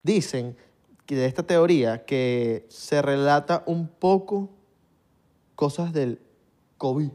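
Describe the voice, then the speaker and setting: A man's voice: on the high side, takes it slowly, pauses often, warm tone, faint music behind. A man with a Venezuelan accent, co-hosting a podcast in slangy, playful, joking casual chat into a studio microphone. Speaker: podcast co-host.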